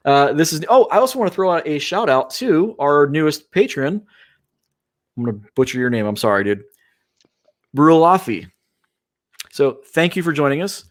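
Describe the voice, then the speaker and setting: Relaxed man reading listener points. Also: on the high side, moderate pace. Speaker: podcast co-host. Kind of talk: casual podcast chat.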